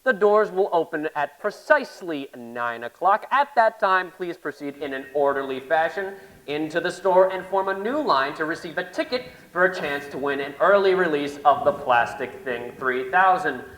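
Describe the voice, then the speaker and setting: An actor playing a formal store announcer, heard over a store loudspeaker in a radio drama. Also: mid-range voice, animated, normal speed. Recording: echoey loudspeaker sound.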